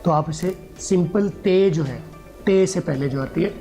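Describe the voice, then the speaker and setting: A man's voice: fairly high pitch, unhurried, dark tone, soft background music. A man teaching an English pronunciation lesson, patiently repeating words and phrases for his students.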